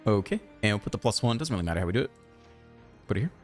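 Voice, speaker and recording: A man giving casual, chatty commentary over his own card game, thinking aloud and breaking into excited outbursts. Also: fairly low pitch, racing, faint music behind. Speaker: gaming channel host.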